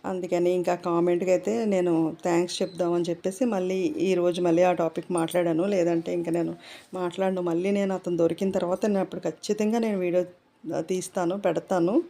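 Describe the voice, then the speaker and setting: Middle-aged woman, casual home vlogger, rambling chat, mellow voice. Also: on the low side, flat delivery, a little fast. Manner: talkative, rambling, many fillers.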